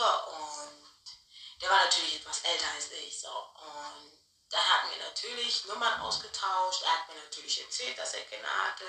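A woman telling a personal story in a casual, animated storytime chat. She laughs often and keeps asking her listeners for agreement. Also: medium pitch. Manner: chatty, animated, laughs often, tag questions. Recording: roomy sound from a distant mic.

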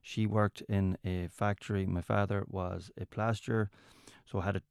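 Low, smooth and flat with vocal fry, the voice of this Mayo entertainer is recorded in a clean studio with no room sound. As an interview guest he tells stories conversationally in a west of Ireland accent, his speech halting and often restarted.

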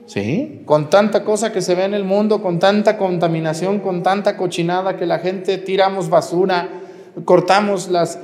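A man's voice: high voice, fairly even intonation, moderate pace, darkish tone, long reverb tail. A man with a Mexican Spanish accent, a parish priest giving a sermon and putting questions to the congregation in a conversational way. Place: church.

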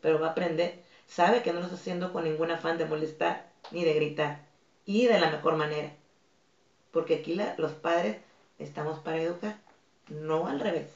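A Mexican woman with a Mexican Spanish accent, speaking as a guest in a podcast interview, earnest and firm, softening her voice when she acts out calm replies. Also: low-pitched, normal speed. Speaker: guest, dance academy founder. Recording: echoey, dull lo-fi room.

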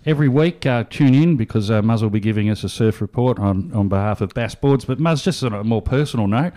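A man's voice: mid-range voice, a little fast, warm tone. Jovial Australian man hosting radio. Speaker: radio host.

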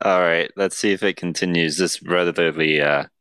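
A man's voice: sits low, steady tone, fairly quick, fairly bright tone, clear, resonant tone, no room sound. A man on a casual podcast who runs a word game, playful and laughing, with hesitant fillers. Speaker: guest running a word game.

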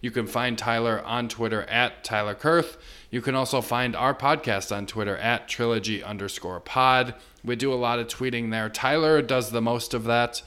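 A man's voice: fairly low pitch, fairly bright tone, clear, resonant tone. A man hosting a casual sports podcast. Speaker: podcast host.

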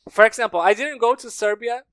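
A native Portuguese-speaking man from Brazil, a podcast speaker and language learner, chats and tells stories casually in a Brazilian accent, full of "like" and "you know." His voice is extremely high-pitched, fairly quick, a bit bright and smooth, recorded at studio quality with no echo.

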